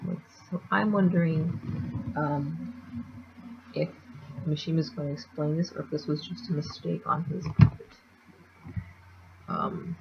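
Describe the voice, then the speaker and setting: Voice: medium pitch, expressive, unhurried, gravelly, pauses often, muffled recording, background noise. A speaker casually recapping a comic chapter in a rambling way, with lots of fillers and restarts. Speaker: manga chapter reviewer.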